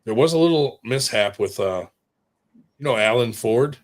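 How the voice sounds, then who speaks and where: In a casual chat, a man with a medium-pitched, animated voice tells stories at a moderate pace, rambling, swearing freely, and using lots of fillers.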